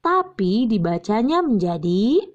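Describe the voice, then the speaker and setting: A woman's voice: mid-range voice, sing-song. A young woman teaching Quran reading rules, asking questions and answering them herself, and stretching out each example word. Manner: drawn-out recited examples, repeats key terms, asks and answers herself. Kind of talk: slow patient tajwid lesson. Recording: slightly dull lo-fi recording.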